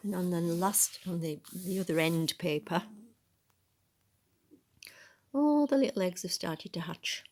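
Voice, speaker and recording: A woman with a soft, breathy, lowish voice reads a picture book aloud at normal speed. As a storybook reader, she pauses for musing, chatty asides about the illustrations.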